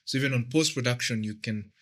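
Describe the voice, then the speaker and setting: Easygoing man, podcast guest, bright tone, jokes often. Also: mid-range voice, quick pace. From Kenya. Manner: easygoing, joking. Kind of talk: casual podcast chat.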